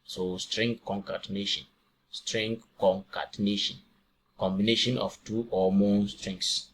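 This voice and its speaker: A man from Ghana with a fairly low voice talks through a screen-recorded coding lesson, one step at a time. He often poses a quick question and answers it himself. Faint hiss and keyboard clicks sit under his voice. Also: level tone, fairly bright tone. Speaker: programming tutor.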